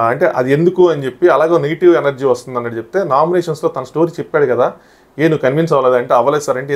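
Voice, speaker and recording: A man casually reviewing a reality show episode, retelling what happened and often quoting people. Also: a little high. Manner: animated retelling of events, often quoting others.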